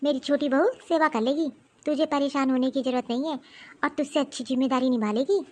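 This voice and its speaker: A woman's voice: high voice, steady tone, fairly quick, close to an everyday voice. A woman voicing a fussy older mother-in-law. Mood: doting. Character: older mother-in-law, doting then regretful. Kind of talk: cartoon voice acting.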